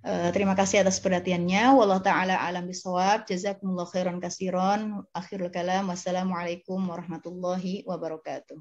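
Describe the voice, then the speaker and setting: Gentle woman teacher, lo-fi call audio. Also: on the low side, flat delivery. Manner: gentle, encouraging, corrects pronunciation slowly. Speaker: Arabic grammar teacher. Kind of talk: online class, correcting a student's reading.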